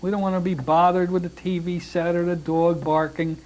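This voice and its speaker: A middle-aged hypnosis instructor lectures his class in a relaxed, joking manner, his high-pitched voice slightly raised and moving at a normal speed. He addresses the students directly and often restarts his sentences, and the audio comes from a plain classroom.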